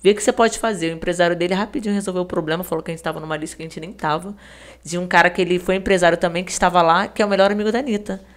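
Fast-talking woman telling an anecdote. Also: fairly low pitch, steady tone. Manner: fast chatty anecdote-telling, acts out quoted dialogue; heavy slang and fillers. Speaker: podcast guest. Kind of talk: casual storytelling.

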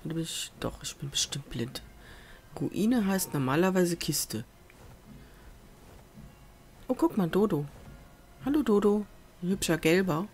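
A woman at her computer at home, talking through a survival game in relaxed, rambling commentary. She mutters to herself and coaxes the animals on screen, speaking into a USB desk microphone. A faint hum of noise sits behind her voice. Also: on the low side, unhurried, long pauses. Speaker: let's play gamer. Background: faint festival noise from outside.

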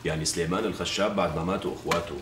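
An actor playing a greedy, self-assured Damascene man in a TV period drama, brisk and wheedling. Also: deep voice, fairly even intonation, background noise, lightly acted. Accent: Damascene Arabic. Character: greedy, sly Damascene man after his in-laws' land.

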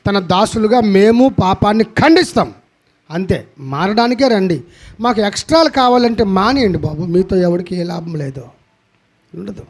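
Guy preaching a fiery sermon, really high voice, goes from yelling at you to almost whispering. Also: expressive, moderate pace. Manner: impassioned, swinging from loud scolding to hushed pleading.

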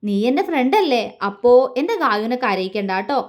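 A woman's voice: fairly high pitch, big pitch swings, brisk. A woman doing a sulky, childlike young man. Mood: pouty.

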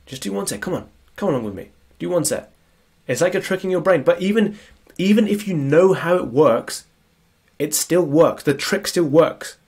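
His voice a little high, darkish, and slightly rough, this man speaks at a moderate pace with lively intonation. Sniffly with a cold, the productivity coach shares slides in an easygoing lecture, often checking in with "right?"

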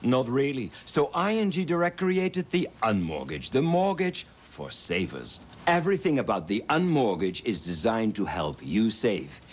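A man's voice: mid-range voice, sing-song, normal speed, few pauses. A man reading a commercial in an upbeat, salesy way. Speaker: ad announcer. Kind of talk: radio-style commercial read.

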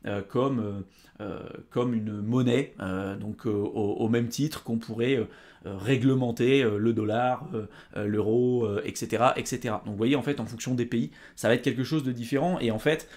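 A man hosts a tutorial and talks his way through text on his screen. He hesitates often, fills gaps with "euh" and restarts his sentences. His pitch sits in a middle range for a man. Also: normal speed, a little mellow. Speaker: host. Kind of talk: screen-recorded tutorial commentary.

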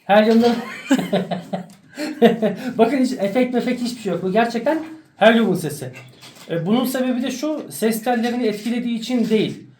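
A woman's voice: a little high, fast talker, darkish tone. Woman vlogger in an echoey room. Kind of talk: casual explanation to camera. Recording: roomy, distant mic, faint noise.

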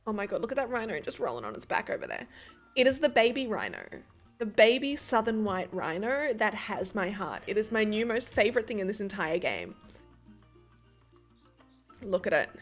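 Gushing, excitable young woman streamer. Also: medium pitch. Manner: gushing, excitable, laughs often. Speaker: game streamer. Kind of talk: casual gameplay commentary.

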